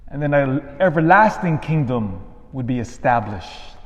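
A man's voice: medium pitch, expressive, measured pace, highs cut off. Priest preaching in long cathedral echo, man's voice. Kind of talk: scripture reading and homily. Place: large reverberant church.

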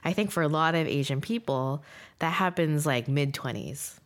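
This thirtysomething woman sounds animated as she co-hosts a podcast, her low voice moving at a moderate pace. She chats casually and reflectively, rambling as she works through her thoughts aloud.

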